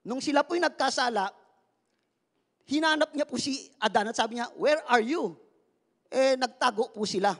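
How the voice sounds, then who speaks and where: Speaking at a moderate pace in a large hall, the male preacher has an extremely high, slightly bright voice with vocal fry. His sermon is lighthearted, full of jokes and calls for the congregation's answers, with English phrases woven in.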